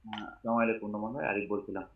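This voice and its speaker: Male student, polite and hesitant, rapid speech, phone-like echoey audio. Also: lowish voice, level tone. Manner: polite, hesitant, talks fast. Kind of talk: asking a question in an online class. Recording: tinny phone-like line with echo.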